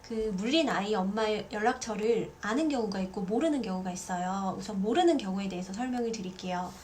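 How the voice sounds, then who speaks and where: A woman's voice: medium pitch, fairly quick, a little hiss or hum. Chatty woman parenting vlogger. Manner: chatty, lively, acts out quoted voices. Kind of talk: casual talk to camera.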